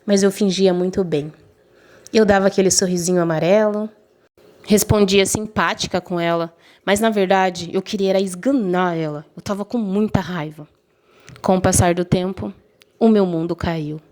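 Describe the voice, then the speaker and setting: A woman's voice: mid-range voice, a little mellow. Young woman telling a dramatic story. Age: young adult. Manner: emotional, voices quoted friends and mother lightly. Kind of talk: first-person story narration.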